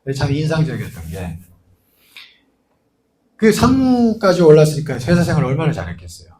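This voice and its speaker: This pastor's voice is a little high and warm, swinging hugely in pitch as he speaks slightly fast. Preaching in church, he tells a story conversationally and keeps posing questions to the congregation.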